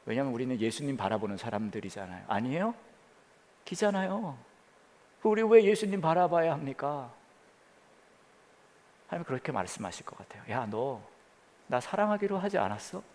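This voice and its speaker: A man preaching as a pastor, telling a story with quoted voices and dropping to a hush near the prayer. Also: mid-range voice, animated, normal speed, pauses often, long reverb tail. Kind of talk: sermon. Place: church during the pandemic.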